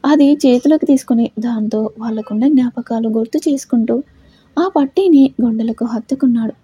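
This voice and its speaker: A woman reads a serialized love story aloud in a steady narrating manner. Her voice is husky and very mellow, pitched slightly high, and the recording is dry and close. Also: fairly quick, no echo.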